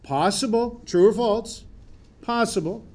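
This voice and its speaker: Jokey guy with a high voice, visiting a tv show, talks with a lot of punch. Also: a little slow, darkish tone. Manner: jovial, joking, emphatic. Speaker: visiting guest. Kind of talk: casual on-air chat.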